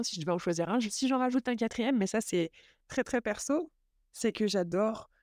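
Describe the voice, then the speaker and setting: A young woman hosting a podcast, chatting enthusiastically about a trip, with lots of fillers and quick asides. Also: medium pitch, a little mellow, no room sound, studio quality. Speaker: podcast host. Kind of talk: casual travel chat.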